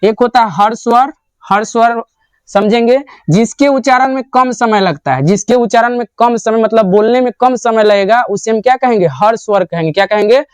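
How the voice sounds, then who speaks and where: A man's voice: very high voice, normal speed, clean tone, no room sound. A young man teaching grammar in a classroom lecture style. He asks a question, answers it himself and repeats the answer.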